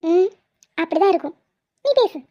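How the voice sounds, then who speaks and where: A woman voicing a jealous, dramatic young wife in an animated comedy, whiny and accusing. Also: extremely high pitch, moderate pace, no room sound. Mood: pouty. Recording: dull lo-fi sound.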